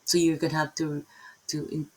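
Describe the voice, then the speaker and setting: Against a noisy background, a middle-aged woman with a Filipino accent teaches the Bible casually and without a script. Her voice is low with little pitch movement, at a normal speed. She tends to ramble, interrupt herself and end many lines with "right?".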